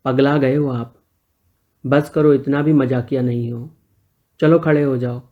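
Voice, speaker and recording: A man's voice: mid-range voice, steady tone, measured pace, narrow, tinny audio, natural voice. A man voicing a shy, teasing young man who asks playful, pleading questions.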